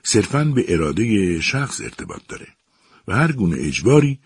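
A man voicing a calm, polite army captain in a storybook reading, speaking formally and evenly. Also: on the low side, gravelly, husky, no echo, studio quality, full character voice.

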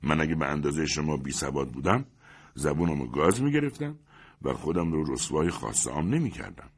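A man voicing an arrogant, aloof man at a wedding who answers calmly and with disdain. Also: very deep voice, slightly rough, exaggerated voice. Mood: haughty. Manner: calm, haughty and disdainful.

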